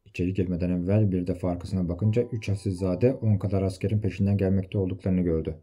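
A man reading an adventure novel aloud in steady storytelling. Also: sits low, fast, breathy edge. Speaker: audiobook reader. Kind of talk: scripted novel narration.

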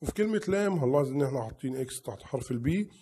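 A man's voice: mid-range voice, expressive, racing, dark tone, husky. A man with an Egyptian Arabic accent teaching English letter sounds in a recorded lesson, saying each example word twice as a drill.

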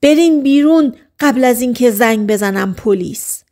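A curt, scornful publisher of a man in an audiobook story, read by a woman narrator. The voice sits fairly high and speaks in short, dismissive bursts. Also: lively intonation, a little mellow. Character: blunt dismissive male publisher.

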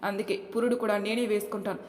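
A woman's voice: medium pitch, level tone, fast, lightly acted. A woman voicing a furious man who threatens and rebukes his wife's family, in a roomy hall. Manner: harsh, threatening. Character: furious brother-in-law threatening his wife.

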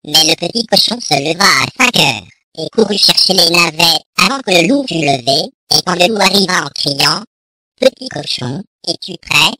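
A narrator reading a fairy tale aloud in a measured, even storytelling manner. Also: medium pitch, rough recording.

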